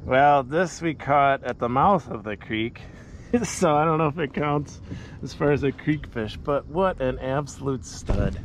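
A man vlogging while fishing at a creek outdoors, excitable and laughing often as he explains his catch. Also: mid-range voice, measured pace. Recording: outdoor noise in background.

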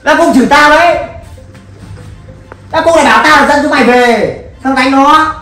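A man's voice: sits high, very fast, fairly bright tone, recorded from a distance. A man playing an older brother figure who bluntly tells the group to hold back, swearing and pleading in a staged comedy sketch. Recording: echoey room with faint music.

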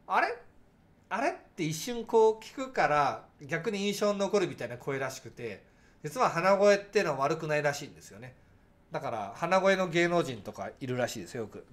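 A man's voice: a little high, fairly bright tone. Nasal-voiced man chatting on a livestream. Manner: projects his voice to carry, chatty with frequent fillers. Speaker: livestream host. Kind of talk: casual chat reading viewer comments.

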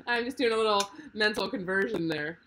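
A woman with a hoarse voice hosting a livestream, chatting casually about race plans with rambling side remarks. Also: on the high side, noisy background. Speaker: livestream host of a cycling race team.

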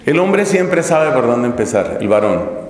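A middle-aged man with a Colombian Spanish accent gives a lively, humorous sermon, acting out the people he talks about. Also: mid-range voice, a little slow. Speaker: Dominican friar preacher. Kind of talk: sermon to religious sisters. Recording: echoey hall, long reverb.

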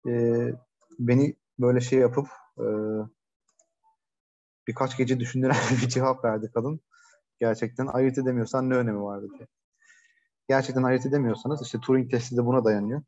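A man presents a webinar over a video call, speaking in a flat, even tone with a mellow, dark timbre. He talks conversationally and pauses often with fillers. The audio is dull and lo-fi. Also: medium pitch. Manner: conversational, many hesitations and fillers. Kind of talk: casual online lecture. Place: shared coworking space.

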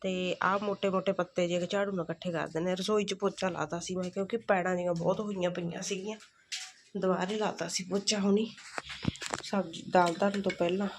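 A woman's voice: lowish voice, fairly even intonation, a little fast. A middle-aged woman with a rural Malwai Punjabi accent, chatting casually and homely to viewers in a daily village vlog. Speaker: family vlogger. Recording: faint background noise, home vlog recording.

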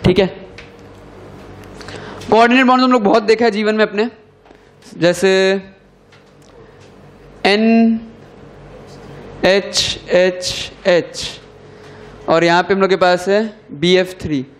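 Young guy teaching chemistry, pretty high voice, dictates slow and repeats stuff so you can copy it down, voice sinks at the end of key words. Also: a little hiss or hum. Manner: dictates slowly, repeating phrases for students to write. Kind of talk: classroom lecture.

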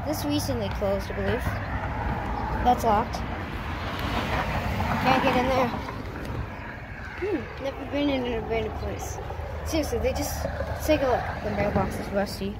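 A woman filming on her phone as she walks through abandoned buildings, narrating casually and often exclaiming in disbelief. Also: high-pitched. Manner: astonished exclamations, repeats herself. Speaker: vlogger exploring abandoned buildings. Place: outdoors by a roadside and inside an empty shop. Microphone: phone camera held while walking. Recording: phone audio with clear outdoor noise.

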